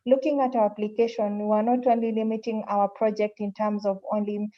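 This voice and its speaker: A woman giving a webinar pitch presentation over a video call, often repeating phrases as she searches for words. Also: little pitch movement, brisk, muffled recording.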